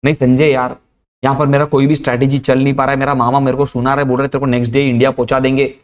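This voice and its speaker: A man voicing his young male friend, who pleads in a lower, breaking voice while recounting troubles. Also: level tone, racing, lightly acted. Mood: tearful. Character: young man, a friend, tearful then boastful.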